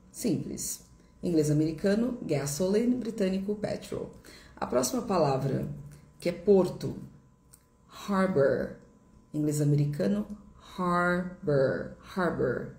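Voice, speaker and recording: A woman's voice: low-pitched, mellow, echoey room. A woman English teacher giving a live online lesson, explaining patiently step by step and repeating examples.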